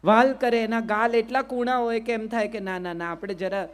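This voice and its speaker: A woman's voice: fairly high pitch, fairly even intonation, moderate pace. A middle-aged woman, giving a motivational talk to a live audience and often asking them to answer yes or no. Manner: questions the crowd and asks them to answer yes or no. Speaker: motivational speaker.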